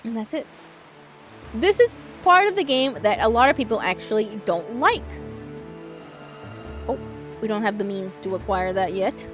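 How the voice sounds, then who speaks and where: A woman chatting casually and playfully to viewers as she streams a game, with some vocal fry in her voice. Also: medium pitch, expressive, moderate pace, pauses often. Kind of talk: casual livestream chat over gameplay. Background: game music.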